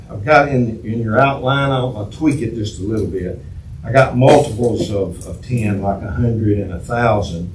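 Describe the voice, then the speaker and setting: A man's voice: fairly low pitch, darkish tone. Man teaching a church Bible class, echoey. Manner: conversational, repeats words and restarts, asks the class questions. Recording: echoey room from far off, faint noise.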